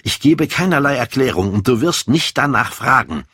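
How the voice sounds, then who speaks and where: A man's voice: fairly low pitch, sing-song, measured pace, fairly bright tone, slightly rough, no echo, clean studio sound, full character voice. A man reading an audiobook, voicing a proud, secretive and volatile young man in a raised voice. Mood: defiant.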